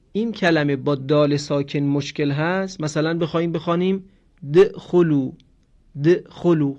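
A man teaching a grammar lesson slowly and clearly, stopping to sound out words as examples. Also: a little high, darkish tone. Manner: slow, explanatory, demonstrates pronunciation. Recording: dull lo-fi recording.

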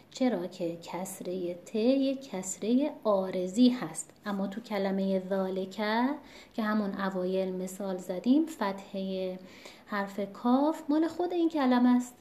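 Mellow-voiced woman teaching recitation. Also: mid-range voice, muffled recording. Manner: patient, repeats examples slowly and clearly. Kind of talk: explanatory lesson.

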